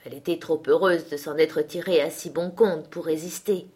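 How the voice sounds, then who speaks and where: A woman narrating a classic novel in a measured, even storytelling manner. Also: deep voice, breathy edge. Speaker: audiobook reader. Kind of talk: scripted narration.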